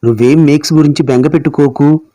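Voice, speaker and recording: A man voicing an elderly grandmother who talks to her grandson in a soft, coaxing way. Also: a little high, fairly even intonation, fast, dry recording, natural voice. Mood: soothing. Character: caring elderly grandmother, gentle and soothing.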